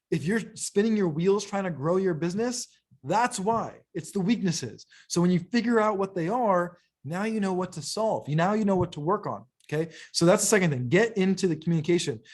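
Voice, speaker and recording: A man coaching business owners in a lively teaching talk, often checking in with "right?" and "okay?" and restarting phrases as he goes. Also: sits high. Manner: stumbles and restarts mid-phrase.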